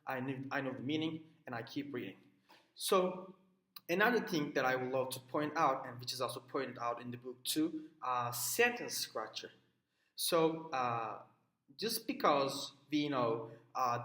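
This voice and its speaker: A student from Turkey, with a medium-pitched and fairly bright voice, hesitantly summarizes his reading notes for a class video in a room with echo. He fills his explanation with many "uh"s and restarts and draws on personal examples.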